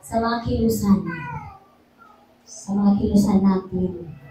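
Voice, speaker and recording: A woman's voice: medium pitch, slow pace, dark tone. A woman preaching a sermon to a congregation. She is emphatic, fires off rhetorical questions and calls of "Amen?", and switches between Tagalog and English. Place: church hall. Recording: echoey hall from far off, faint noise.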